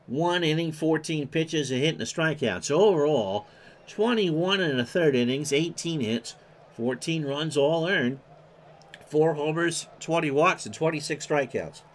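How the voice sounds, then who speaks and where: A man's voice: a little high, a little slow, slight background noise. A man doing play-by-play commentary of a replayed baseball game, reeling off stats in clipped lists and erupting on big plays. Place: home streaming setup.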